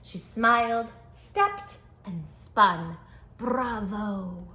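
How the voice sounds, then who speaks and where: A storytime host reads to children in a mid-range voice, drawing out her words with a sharp tone. Her expressive, dramatically emphasized reading is aimed right at young listeners, with music playing behind.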